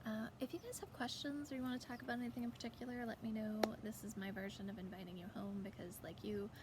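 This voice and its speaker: A woman's voice: fairly high pitch, fairly even intonation, fast. A woman chatting casually to viewers, over-enunciating her words to keep the mountain twang in check. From rural mountains of the United States. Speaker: author and host. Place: outdoors in a backyard. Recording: clear outdoor background noise.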